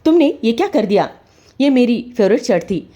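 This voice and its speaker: A woman voicing an angry, domineering husband who shouts harsh scolding words. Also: mid-range voice, brisk, close to an everyday voice. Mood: furious.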